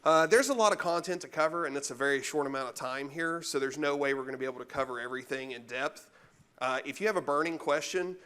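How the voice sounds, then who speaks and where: A man's voice: a little high, fast, sharp tone, clean tone. Casual man giving a tech meetup talk. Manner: casual, self-deprecating, chatty with the audience. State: allergies, chewing gum to hold off coughing. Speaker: guest speaker. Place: meetup room with a live audience.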